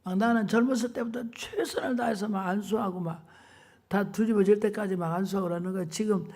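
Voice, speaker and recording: A woman's voice: mid-range voice, a little fast, a little mellow. An older woman preacher giving an emotional sermon testimony in a dramatic, colloquial, emphatic way. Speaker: revival preacher.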